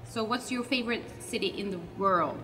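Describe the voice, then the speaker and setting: A chatty Swedish-speaking web show host answers fan questions in a loose, rambling vlog, occasionally stopping to correct her phrasing. Her voice is mid-range at a moderate pace. A distant mic leaves her sounding set back amid clear background noise.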